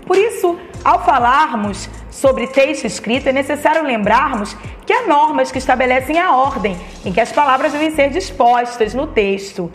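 A woman's voice: sits high, lively intonation, moderate pace, hardly any pauses, soft background music. A woman teacher with a Brazilian Portuguese accent, giving a recorded lesson and explaining step by step, naming each comma aloud.

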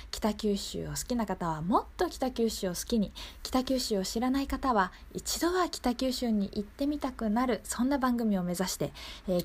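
A woman with a mid-range, slightly mellow voice presents a local radio show in the studio. She speaks to listeners politely and conversationally, frequently seeking their agreement.

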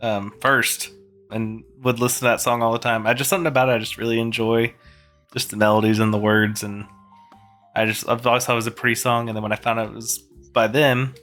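Bright-voiced easygoing man. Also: mid-range voice, little pitch movement, brisk, soft background music. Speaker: guest podcast co-host. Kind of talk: casual chat.

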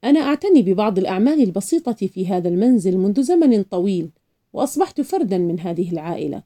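A woman's voice: medium pitch, big pitch swings, fast talker, mellow. A woman reading as a firm old grandfather. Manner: firm and reassuring. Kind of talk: audiobook reading.

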